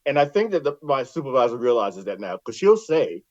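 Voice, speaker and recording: A man's voice: mid-range voice, big pitch swings, a little fast, a little mellow, dry recording. Male podcast guest, chatty storyteller who laughs a lot, muffled dry mic. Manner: chatty, laughs often, acts out quotes. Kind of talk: casual storytelling chat. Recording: slightly muffled dry recording.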